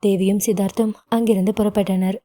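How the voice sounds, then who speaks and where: A woman narrating a romantic audio novel in a calm, even reading voice. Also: medium pitch, fast. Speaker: storyteller.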